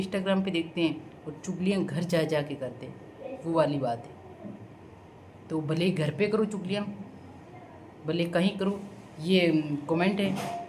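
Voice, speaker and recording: Woman vlogger, low voice, defiant and sarcastic, home recording with noticeable background noise. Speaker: vlogger answering viewer comments. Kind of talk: casual talking-to-camera vlog.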